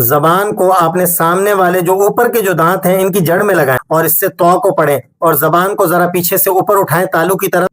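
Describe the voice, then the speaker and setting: A man teaching Quran recitation in a patient, explanatory way, slowing down to demonstrate each sound. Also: high voice. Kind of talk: tajweed lesson.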